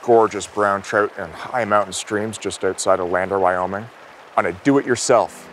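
A man's voice: fairly low pitch, moderate pace, a little hiss or hum. Upbeat man hosting a fishing show. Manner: upbeat, excitable when a fish bites. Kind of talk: outdoor fishing show commentary. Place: outdoors, wading in a small river.

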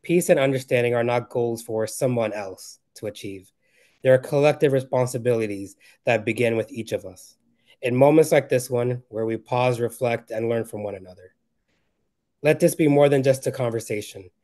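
A man's voice: mid-range voice, normal speed, mellow. A man reading earnest, formal welcome remarks on a video call. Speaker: webinar co-organizer.

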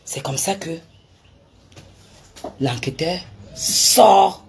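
A woman's voice: fairly low pitch, very slow, vocal fry, slight background noise. A woman telling viewers a personal story in a dramatic, emphatic way, with many restarts and repetitions. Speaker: vlogger recounting a personal dispute.

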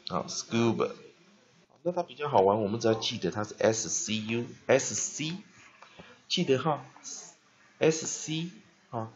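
Gravelly, lively-voiced male teacher. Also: fairly low pitch, highs cut off. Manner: spells words letter by letter and repeats them slowly. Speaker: English teacher. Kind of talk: vocabulary lesson.

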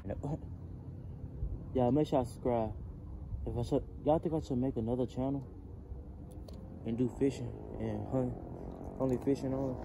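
This young vlogger has a creaky, mid-range voice with fairly even intonation and a normal speaking speed, broken by long pauses over background noise. Filming on a phone camera, he moves from a spot by a pond outdoors to a room inside. He rambles loosely, speaking directly to the people watching.

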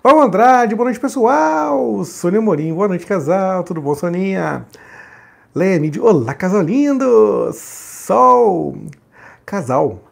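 A woman co-hosting a live stream, reading viewers' greetings aloud. Her voice is gravelly and husky, and her pitch swings up and down with lots of life. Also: slow. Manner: lively, reads names and greetings aloud. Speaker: co-host reading viewer comments. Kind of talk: reading out live chat comments.

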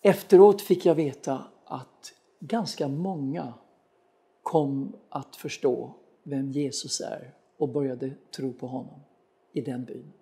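A man's voice: mid-range voice, fairly even intonation, warm tone. A male pastor giving a broadcast sermon, speaking earnestly and directly to his listeners while telling a story from his travels. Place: studio broadcast of a web church.

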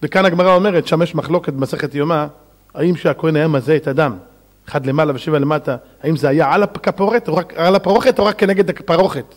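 A man, a rabbi, giving a lively storytelling sermon who acts out the characters' lines with big swings in pitch and volume. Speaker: rabbi giving a Torah lesson.

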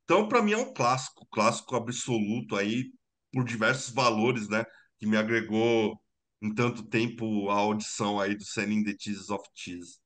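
A young Brazilian man from a home video call, co-hosting and reviewing an album in relaxed, enthusiastic chat. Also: lowish voice, moderate pace. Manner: relaxed, enthusiastic, filler-heavy. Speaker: co-host, bass player. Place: home room. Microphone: video call webcam.

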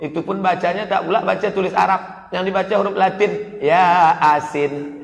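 A man preaches a lively, joking sermon, dropping Arabic verses between asides. His voice sits high. The recording carries a roomy echo with a long hall reverb. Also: brisk, gravelly, a little hiss or hum. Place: large hall at a mass religious gathering.

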